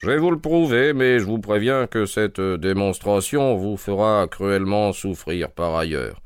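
A man voicing a brisk, self-assured detective in an audiobook, speaking in a measured way. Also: on the low side, smooth, no room sound, clean studio sound, pitched above the performer's own voice, natural voice. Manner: measured, confident explaining. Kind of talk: audiobook character reading.

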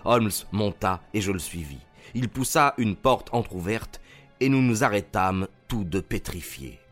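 A male storyteller with a low voice reads scripted narration at a steady, even pace. Faint music runs underneath him throughout. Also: unhurried.

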